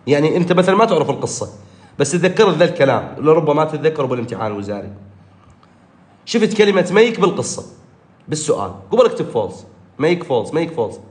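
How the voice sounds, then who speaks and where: A male teacher with an Iraqi Arabic accent, giving an exam review lesson and repeating key points with lively jumps in pitch. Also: echoey room. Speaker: English teacher.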